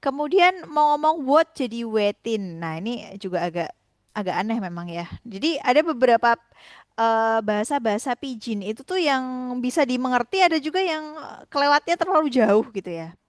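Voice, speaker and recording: Young woman chatting through a class topic, kinda high voice, dry close sound. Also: animated, dry recording. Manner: chatty, frequent tag fillers, slowly acts out example phrases. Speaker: university student presenter. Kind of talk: casual classroom explanation.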